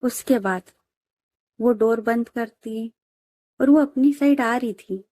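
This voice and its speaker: A woman's voice: on the high side, slow pace, dark tone, no echo, studio quality. A woman storyteller narrating a story in a chatty, friendly way, talking to listeners like friends.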